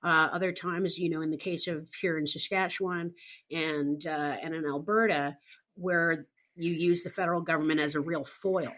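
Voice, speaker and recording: A woman from Newfoundland speaking as a guest on a panel discussion, measured and reflective, with frequent fillers. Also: low-pitched, steady tone, fairly bright tone. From Newfoundland, Canada.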